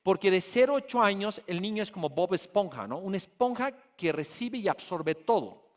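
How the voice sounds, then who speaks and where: A Bolivian man delivers a motivational keynote at a business conference, speaking in a high voice at normal speed. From the conference hall stage, he tells lively stories and throws rhetorical questions at the audience.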